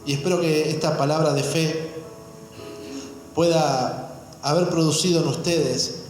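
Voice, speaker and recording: A man's voice: fairly high pitch, fairly even intonation, measured pace, a little mellow. A man preaching a sermon as pastor, calling out amens and asking the congregation questions. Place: church hall. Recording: very echoey hall, faint music.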